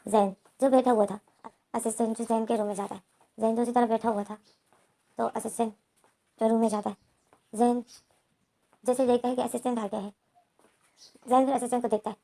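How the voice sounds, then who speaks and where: A woman narrates a romance story in a plain, unhurried way, often repeating herself and restarting her sentences. Her voice sits somewhat high, with a mellow, warm tone. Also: level tone, vocal fry. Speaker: fanfiction explainer.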